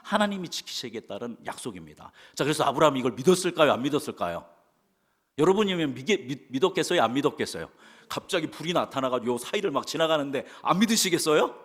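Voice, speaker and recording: Pastor with lively pitch, reverberant church. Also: male voice, fast, slightly rough. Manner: asks the congregation questions and answers them. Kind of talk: sermon. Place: church sanctuary. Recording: long church-hall reverb.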